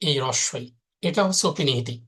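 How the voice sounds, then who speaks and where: A man's voice: mid-range voice, a little fast, a bit bright, slightly rough. Man teaching, repeating each rule. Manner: repeats rules, asks and answers own questions. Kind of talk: live online grammar lesson.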